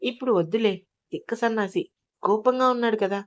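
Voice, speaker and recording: A woman's voice: on the high side, a little fast, close to an everyday voice. A woman voicing an older grandmother who fusses over the girl and scolds her grandson. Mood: fussing. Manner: fussing and scolding. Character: caring, sharp-tongued old grandmother.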